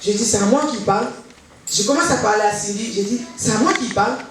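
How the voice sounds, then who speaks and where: A woman giving a spoken testimony in church, telling her story in a lively way and acting out the voices of the people in it. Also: mid-range voice, fast talker. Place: church hall. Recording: echoey hall from far off, faint noise.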